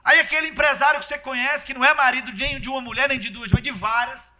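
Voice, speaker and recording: A man preaching a sermon in an animated, conversational way. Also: extremely high pitch, quick pace, crowd noise. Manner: animated, conversational preaching with acted-out quotes and sudden loud bursts.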